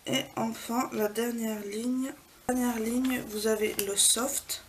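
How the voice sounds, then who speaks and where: A woman beauty vlogger, soft-spoken, walking through makeup swatches in a casual way at home and often dropping to a near whisper. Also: fairly high pitch, steady tone, slow pace, slight background noise, low-quality recording. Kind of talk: casual product swatch walkthrough. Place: home apartment.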